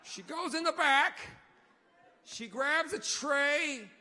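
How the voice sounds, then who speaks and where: A man with a high, bright voice tells a comic story as an event host. He talks in an animated way and acts out the voices and sounds. His voice rings through a large hall with a long echo. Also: slow.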